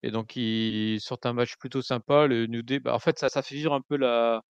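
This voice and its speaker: A man co-hosting a wrestling podcast, giving casual opinions with halting restarts and the odd joke. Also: mid-range voice, steady tone, smooth, no room sound, muffled recording. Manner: halting, repeats words, joking. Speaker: podcast co-host.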